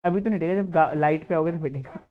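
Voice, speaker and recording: A man's voice: on the high side, quick pace. Male teacher on a tinny recording. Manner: explains by asking and answering his own questions; scolds a student. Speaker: accounting teacher. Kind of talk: classroom lecture. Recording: tinny, phone-like lecture recording.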